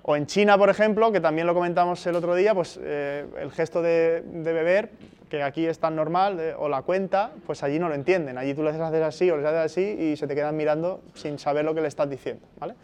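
A man's voice: on the high side, fairly even intonation, fairly quick, a little mellow, smooth. A man from Spain giving a university lecture, explaining step by step and checking in with frequent tag questions. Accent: Spanish from Spain.

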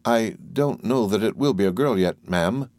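A man's voice: mid-range voice, lively intonation, moderate pace, a little mellow, no room sound, voice pushed up, close to an everyday voice. A man voicing a timid, helpless young mother in an audiobook, with a meek, faltering, plaintive manner. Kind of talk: audiobook character voice.

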